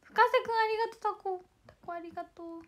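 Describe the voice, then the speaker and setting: A young woman hosts a casual livestream and reads out fan comments. Her voice sits high but sounds hoarse and worn out. She moves between bright greetings and breathy, murmured asides. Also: fast. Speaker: idol livestream host.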